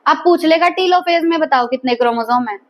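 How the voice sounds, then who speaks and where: High-voiced woman teaching biology. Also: a little fast. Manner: asks the class questions and repeats the answers. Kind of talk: classroom lecture.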